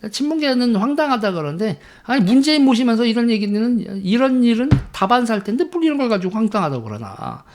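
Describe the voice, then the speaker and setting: A man giving casual solo commentary as a political commentator, talking in a sarcastic, mocking way and quick to laugh. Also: extremely high pitch, big pitch swings, background noise.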